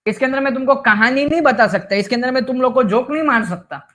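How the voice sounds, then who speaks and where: A man's voice: very high-pitched, fast talker, bright, forceful tone. A man teaching an online class, quizzing students and teasing them with Marathi asides. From Maharashtra. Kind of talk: live online class lecture.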